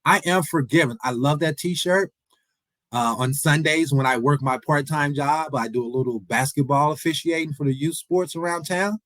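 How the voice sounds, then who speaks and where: A man's voice: a little high, moderate pace, a bit bright, no room sound, rough recording. Forty-something guy giving a motivational talk, pleading and repeating himself, dry sound. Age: 40s. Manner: earnest, repetitive, imploring. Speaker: motivational speaker. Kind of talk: motivational speech. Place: event hall.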